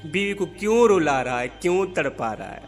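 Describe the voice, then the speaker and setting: A man's voice: on the high side, very animated, soft background music. A man voicing a dignified leader who sternly questions a quarreling couple in a sermon story.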